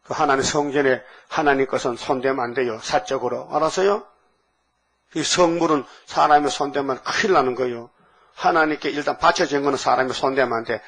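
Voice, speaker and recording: A man's voice: mid-range voice, brisk, fairly bright tone, slightly rough. A Korean man giving a dawn sermon. He scolds in plain everyday speech and acts out the voices of the people he quotes. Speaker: preacher.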